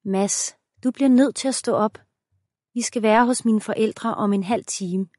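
A woman's voice: on the high side, darkish tone, dry recording, clean studio sound, close to an everyday voice. A woman voicing an exasperated young mother who is trying to hurry her husband, speaking impatiently and pleadingly.

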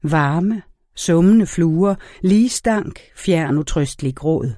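A man reading a novel aloud as an audiobook narrator in a measured, even storytelling manner. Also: fairly high pitch, dry recording, studio quality. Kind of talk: scripted narration.

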